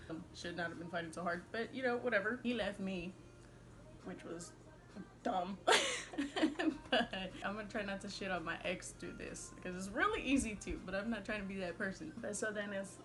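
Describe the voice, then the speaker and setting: A woman chatting casually to camera, rambling and interrupting herself in animated slang, with a slight lisp from wearing a retainer. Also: medium pitch, slight background noise. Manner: slangy, sweary, animated self-interrupting delivery. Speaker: vlogger.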